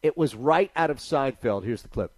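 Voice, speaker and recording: A man's voice: mid-range voice, animated, normal speed, no echo. A male sports radio host giving emphatic, indignant commentary at a studio mic.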